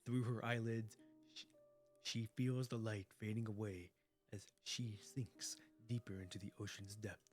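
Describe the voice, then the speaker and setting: A man's voice: fairly low pitch, unhurried, faint music behind. A man streaming his reaction to a game story, switching between casual commentary and dramatic read-aloud narration. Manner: excitable, profane, exclamatory.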